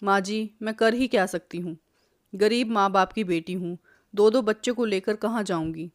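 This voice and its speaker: Woman doing a meek young wife, soft-spoken, storybook figure. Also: mid-range voice, moderate pace, no echo, clean studio sound, natural voice. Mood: tearful. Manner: meek, pleading. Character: timid young wife, tearful then defiant.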